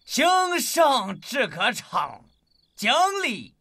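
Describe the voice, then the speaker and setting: A man's voice: sits high, big pitch swings, very slow, creaky, pushed and bright, slightly rough, no room sound, studio quality, heavily acted. An actor playing a boastful drunken husband who laughs, swaggers and slurs as he brags about his plans. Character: boastful drunken husband, middle-aged man. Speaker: drunken leather-shop owner planning a tannery.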